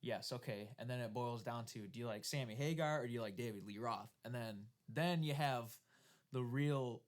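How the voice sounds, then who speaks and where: A man's voice: mid-range voice, moderate pace. A man co-hosting a casual podcast, talking with a slight lisp and telling rambling, profane, joking stories. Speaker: podcast co-host. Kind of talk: casual chat.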